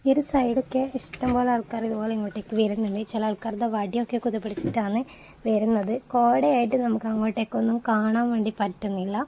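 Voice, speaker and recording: A woman's voice: on the high side, fairly even intonation, fast, mellow, slight background noise. A woman with a Malayali accent narrating a casual vlog, mixing English words into her speech. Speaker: vlogger narrating a hill trek.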